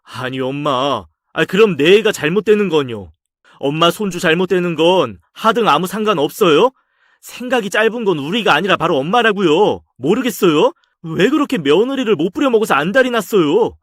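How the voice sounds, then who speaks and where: A man's voice: high voice, lively intonation, normal speed, a bit bright, no echo, studio quality. A man voicing a young husband who argues with his mother to protect his pregnant wife. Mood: exasperated. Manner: pleading, exasperated. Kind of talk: dramatized story reading.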